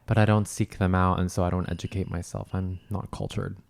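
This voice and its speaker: A man's voice: sits low, flat delivery, fairly quick, gravelly. A man co-hosting a podcast in casual chat, dry, teasing and self-deprecating. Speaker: podcast co-host.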